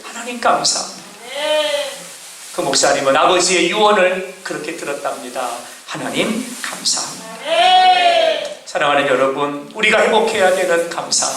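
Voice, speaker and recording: A male pastor preaching a sermon, acting out quotes and swinging from hushed to shouted. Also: on the high side. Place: church sanctuary. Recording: very echoey church sanctuary, faint noise.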